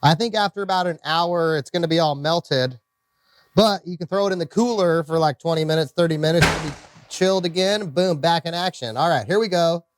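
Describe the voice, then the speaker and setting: A man's voice: fairly high pitch, fairly quick, a little hiss or hum. A man with an Iowa accent hosting a casual outdoor shooting range video, rambling and correcting himself as he talks. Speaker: gun channel host. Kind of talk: casual range vlog with ammo test readouts.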